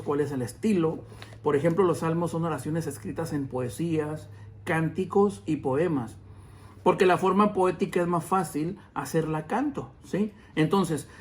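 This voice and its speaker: Chatty man teaching the Bible. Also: on the high side. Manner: chatty, many fillers and self-corrections; addresses listeners as brothers. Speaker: podcast host teaching the Bible. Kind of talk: casual Bible teaching talk.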